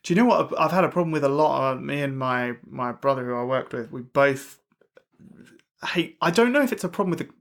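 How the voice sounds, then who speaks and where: A man co-hosting a podcast, talking casually in a chatty, halting way. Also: mid-range voice, expressive, vocal fry, a bit bright. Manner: chatty, halting, laughs easily. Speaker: podcast co-host. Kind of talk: casual tech chat.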